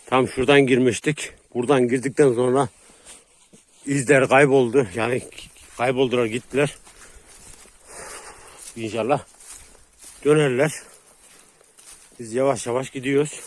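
Brief: male farm vlogger, mid pitch, murmuring to camera outdoors. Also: steady tone, unhurried, pauses often. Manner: talks low and hushed while tracking, then loud and high calling to his dogs. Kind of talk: casual outdoor vlog.

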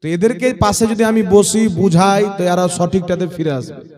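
A male preacher with a Jharkhand Bengali accent fields questions before a gathering. His voice sits high for a man, and he drives each answer home with rhetorical questions to his listeners. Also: normal speed. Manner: forceful, rhetorical, repeatedly checks the crowd's understanding.

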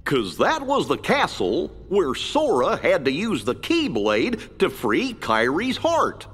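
A man voicing Goofy, a dopey, good-natured male cartoon dog who talks slowly and stumbles over words. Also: on the high side, huge pitch swings, fairly bright tone, breathy edge, full character voice. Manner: slow, dim-witted and stammering. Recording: long hall reverb.

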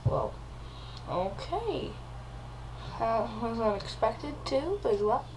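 A woman's voice: fairly high pitch, sing-song, takes it slowly, noisy background. A woman vlogger hamming it up in a comedy video, acting mock-frightened and repeating her words. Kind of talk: comedic vlog.

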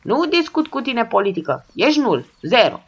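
A woman doing a blustering, explosive loudmouth man. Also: on the high side, sing-song, voice pushed up. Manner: explosive, shouty bursts. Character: loud blustering middle-aged man, pushy and excitable. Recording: dull lo-fi sound.

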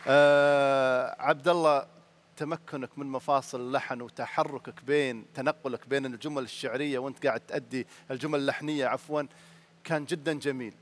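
A man, a judge on a televised singing competition, giving appreciative feedback with drawn-out hesitations. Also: medium pitch, steady tone, slight background noise. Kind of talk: on-air critique.

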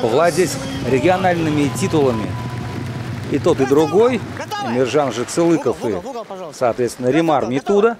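Higher-pitched male boxing commentator over music. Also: animated, moderate pace. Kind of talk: live sports commentary.

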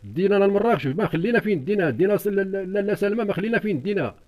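Urgent older Moroccan man, fast, high. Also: animated, a little mellow. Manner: urgent, repetitive, pleading. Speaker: interviewee. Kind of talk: distressed eyewitness account.

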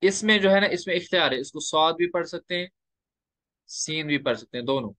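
A man teaching Quran recitation rules in a lecture, explaining step by step and slowing down to recite example verses. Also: on the high side, lively intonation, a bit bright, no room sound.

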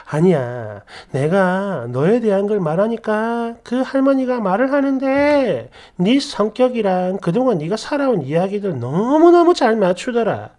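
A woman's voice: medium pitch, very animated, unhurried, few pauses, darkish tone. A woman voicing a young woman friend who talks hesitantly and apologizes over and over. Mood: pleading.

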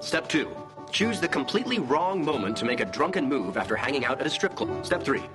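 A smug, cocky schemer, as an actor plays him, walking through his plan step by step in a swooping, lively voice. Music plays clearly behind him. He sounds thoroughly pleased with himself. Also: mid-range voice, brisk, lightly acted. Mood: scheming. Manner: confident, showy step-by-step explaining of a scheme. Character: smug adult man, a cocky schemer laying out seduction plays. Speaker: sitcom character. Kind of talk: scripted sitcom acting.

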